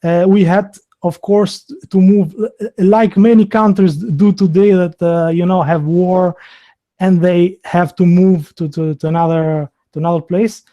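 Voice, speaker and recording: With a high voice and a steady tone, a man in his thirties from Albania hosts a live online video interview, speaking in his native Albanian accent. He stumbles along hesitantly, using plenty of fillers and restarting often, and the recording sounds muffled.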